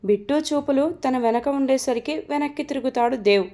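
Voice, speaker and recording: A woman narrating a romantic story, reading in a steady, expressive way. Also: high voice, a little fast.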